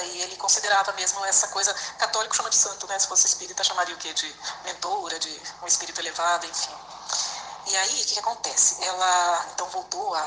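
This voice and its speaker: A woman in her fifties talking with an electric fan blowing in her face, chatting casually and rambling with many fillers. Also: on the low side. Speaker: interviewee sharing personal experiences. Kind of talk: casual recorded chat. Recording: roomy with clear fan noise.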